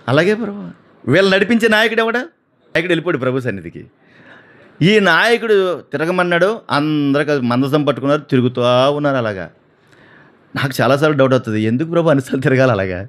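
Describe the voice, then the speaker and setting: A man preaching a sermon, animated, acting out voices and asking the congregation questions. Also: on the high side.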